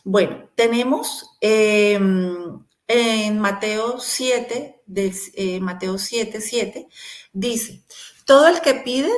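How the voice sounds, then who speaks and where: A woman preaches a Bible lesson in a mid-range voice, urging the listener on directly and now and then searching for a verse with a soft "eh". Her voice rings in an echoey room. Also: medium pitch. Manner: encouraging, addresses the listener directly. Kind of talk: sermon-style Bible teaching.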